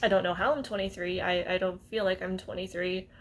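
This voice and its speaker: A woman's voice: on the low side, fairly even intonation, brisk, slight background noise. A woman in her twenties talking casually to her viewers, hesitant and rambling, often breaking into small laughs. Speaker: vlogger. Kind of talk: casual talk to camera.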